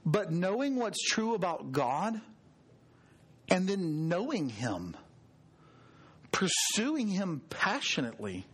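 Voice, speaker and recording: Earnest high-voiced pastor preaching. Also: male voice, a bit bright. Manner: earnest, conversational, varies pace for emphasis. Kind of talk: sermon.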